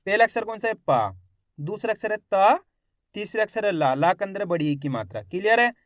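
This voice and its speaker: A man teaching children to read, sounding out each syllable slowly and then blending it into a whole word. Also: high-pitched, expressive, fairly bright tone, no echo, clean studio sound. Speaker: Hindi reading teacher. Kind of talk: slow syllable-by-syllable reading lesson.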